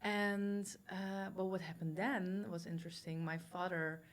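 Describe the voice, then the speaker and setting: Dutch-accented woman, low voice, candid. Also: steady tone, unhurried. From Netherlands. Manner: direct, laughs easily, many fillers and restarts. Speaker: guest. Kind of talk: candid personal storytelling.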